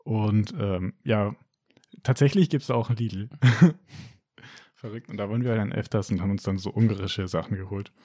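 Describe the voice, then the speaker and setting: A man's voice: on the low side, moderate pace, dark tone, dry recording, studio quality. A young man from Germany chatting casually, telling things in a colloquial, loosely hedged way. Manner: colloquial, hedging storytelling. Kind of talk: casual chat.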